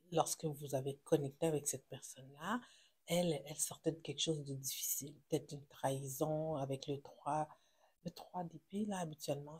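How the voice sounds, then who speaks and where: A tarot reader with a Québécois French accent talks straight to viewers in a husky, slightly breathy voice at an ordinary middle pitch. The delivery is reassuring but halting, full of fillers and restarts as the reading unfolds. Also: darkish tone. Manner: reassuring, halting, with many fillers and self-corrections. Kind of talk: casual tarot reading to camera.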